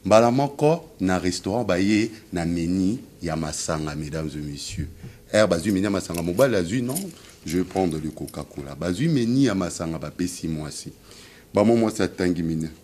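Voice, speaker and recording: A man with a Congolese French accent performs a comic story in a lively, swooping voice that leaps in pitch from line to line. His register sits fairly low, and he keeps addressing the audience in a theatrical showman's manner. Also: normal speed. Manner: theatrical, keeps repeating "mesdames et messieurs". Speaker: comedian, cultural host.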